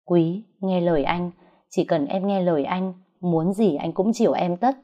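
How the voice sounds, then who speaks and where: A woman voicing a guilty young husband who pleads in a low, hurried voice, in a story reading on dull, lo-fi audio. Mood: pleading. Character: young man, cheating husband, pleading then cold.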